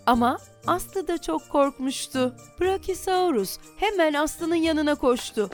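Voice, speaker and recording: A woman reading a children's story aloud in an expressive, animated storytelling manner. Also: sits high, unhurried, soft background music.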